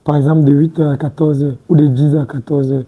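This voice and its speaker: On a TV studio set, a male interview guest in his twenties talks fast and casually but hesitantly, restarting words and repeatedly saying "tu vois un peu". His fairly high voice barely moves in pitch and sounds husky and narrow, and the audio is tinny.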